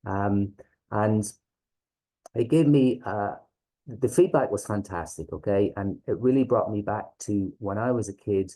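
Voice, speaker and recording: A man with a low, very mellow voice and a west of Ireland accent. He presents informally like a teacher, hesitating as he goes and often checking that listeners follow. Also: a little slow, poor audio. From Galway, west of Ireland. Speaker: teacher presenting a reading series.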